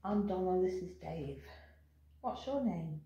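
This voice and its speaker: A woman's voice: lowish voice, expressive, unhurried, mellow. An English woman investigating a haunted church, asking spirits polite, coaxing questions. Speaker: paranormal investigator. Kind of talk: ghost-hunting call-outs. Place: inside a church porch. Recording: echoey, distant and dull with faint hiss.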